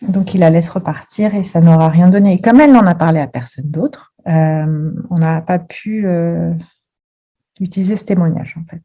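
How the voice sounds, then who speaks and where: Mellow-voiced woman recounting her story. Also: lowish voice, normal speed, muffled recording. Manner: hesitant, many fillers and restarts. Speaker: guest. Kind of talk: personal testimony in a podcast interview.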